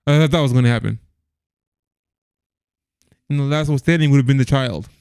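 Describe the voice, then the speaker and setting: A man's voice: medium pitch, brisk, a little mellow, clean tone, no room sound, studio quality. A man co-hosting a casual movie podcast who often stammers, repeats words and chimes in with agreement. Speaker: podcast co-host.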